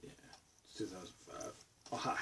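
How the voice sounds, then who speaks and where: A vlogger from Massachusetts, USA, rambles and meanders casually to his camera from a bedroom studio, speaking with a Boston accent. His pace is moderate. The mic sounds distant and the background is noisy.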